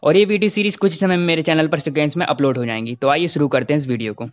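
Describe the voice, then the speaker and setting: Slow, drilling male teacher. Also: fairly high pitch, muffled recording. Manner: slow, deliberate drilling of verb forms. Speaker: English teacher. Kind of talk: Hindi-language English grammar lesson.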